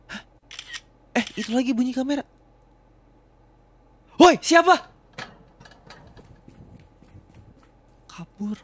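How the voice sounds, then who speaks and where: This is an ASMR role-play voice: a young student boyfriend, acted by a man, once a rough gang bully and now fiercely protective. His voice sits a little high. He calms his partner by repeating short, coaxing words again and again. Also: full character voice. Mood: flustered. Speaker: voice actor.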